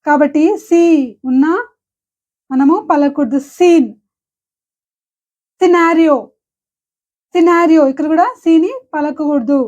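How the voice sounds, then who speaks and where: A woman with a Telugu accent gives an English pronunciation lesson in a high, light voice. She says each example word slowly and clearly, often more than once, and goes through them one by one. The recording sounds slightly dull and lo-fi. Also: steady tone, darkish tone. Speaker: English teacher.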